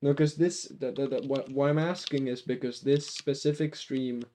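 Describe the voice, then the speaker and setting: A man's voice: mid-range voice, fairly even intonation, normal speed, mellow, slight background noise. A man streaming a game, chatting casually with viewers and often restarting his sentences. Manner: rambling, self-correcting, answers chat. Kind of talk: casual live-stream chat.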